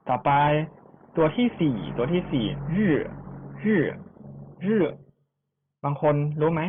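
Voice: medium pitch, expressive, takes it slowly, a little hiss or hum. A language teacher giving an online pronunciation lesson, repeating each syllable for students to copy, with chatty asides. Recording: tinny phone-like sound.

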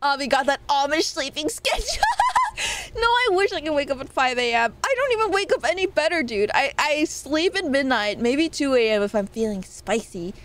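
A young woman VTuber talks to her viewers in a high, nasal voice with lively intonation and a fairly bright tone. The chat is casual and playful, full of rambling, quick laughs and swearing.

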